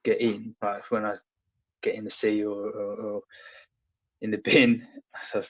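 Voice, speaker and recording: Speaking a little slowly, with flat delivery in a lowish yet slightly bright voice, the young podcast guest tells stories casually. He's a personal trainer, hesitant and full of fillers and restarts, and the recording is dull and lo-fi.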